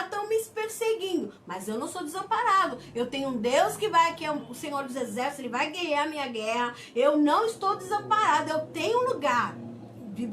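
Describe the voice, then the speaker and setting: A woman pastor preaches, her voice very high and lively, swooping up and down. She leans hard on slow, emphatic words and keeps calling for amens. The mic sits a bit away from her, with a faint hiss of noise behind. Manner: preaching with slow emphatic stresses and calls of amen. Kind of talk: sermon. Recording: mic somewhat distant, faint background noise.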